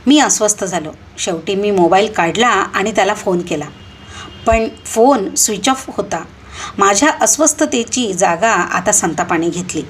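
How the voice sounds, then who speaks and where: A woman storyteller reading a first-person story with steady narration. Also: medium pitch, a little hiss or hum.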